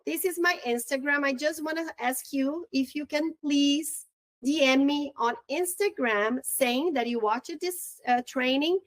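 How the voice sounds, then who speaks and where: A real estate trainer with a Brazilian accent, whose first language is Portuguese, gives a casual, upbeat training on tools and frequently restarts her words. Her voice is high-pitched and measured in pace, with no echo.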